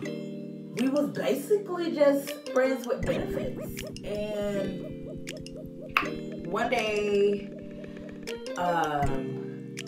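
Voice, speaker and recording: Speaking extremely slowly with frequent pauses, a young woman from Florida shares a casual storytime to camera, her medium-pitched voice picked up from a distance. She's animated and gestures a lot, with slangy asides for viewers. A phone on a stand at mid-distance records her in a small, echoey bathroom with faint music.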